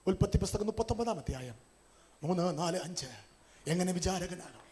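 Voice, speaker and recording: A male pastor, preaching a sermon with call-and-response, his voice rising at times to shouts. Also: high voice, expressive, brisk.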